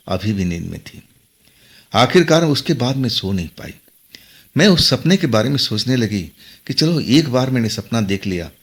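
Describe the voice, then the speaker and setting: Man telling a scary story dramatically, pitch all over the place. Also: breathy edge. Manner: dramatic, tense. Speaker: horror storyteller. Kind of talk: dramatic first-person horror narration.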